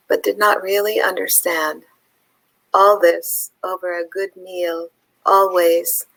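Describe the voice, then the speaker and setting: Slow, low-voiced woman poet. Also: gravelly, a bit bright, low-quality recording. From Palestine. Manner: slow, thoughtful, with pauses and fillers. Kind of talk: conversation and poetry reading.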